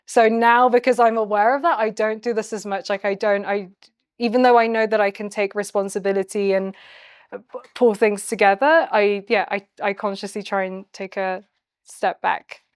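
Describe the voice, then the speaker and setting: A woman's voice: medium pitch, steady tone, normal speed, smooth, dry recording, studio quality. A woman speaking in a reflective documentary interview, thinking things through with hesitations and restarts. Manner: thoughtful, hesitant, self-searching. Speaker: interviewee and docuseries assistant.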